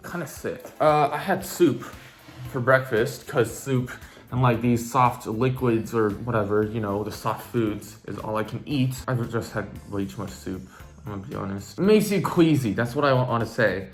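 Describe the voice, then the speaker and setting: A man's voice: mid-range voice, moderate pace, faint music behind. A young man recording a casual video diary, speaking cautiously with a stiff jaw and barely opening his mouth, as after tooth surgery. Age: young adult. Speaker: vlogger.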